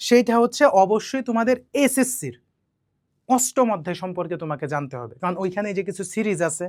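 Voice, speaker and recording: A woman chemistry teacher with a Bangladeshi Bengali accent, giving an exam-prep lesson slowly and deliberately, often repeating herself and checking in with students. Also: mid-range voice, a little mellow, no room sound, studio quality.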